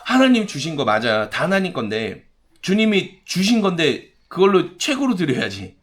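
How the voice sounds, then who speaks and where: A man voicing a sly, tempting devil who coaxes and flatters. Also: fairly high pitch, normal speed. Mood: coaxing. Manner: coaxing, flattering.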